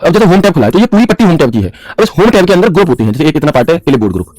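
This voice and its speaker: A man teaching a computer lesson, talking very fast in a fairly high voice. He keeps asking the class questions and answers them himself, dropping English terms into his explanations. The recording is dry and close, with no room sound. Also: very animated, a little mellow, dry recording, low-quality recording. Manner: mixes English terms into Hindi, calls students bhaiya. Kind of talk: screen-share tutorial lesson.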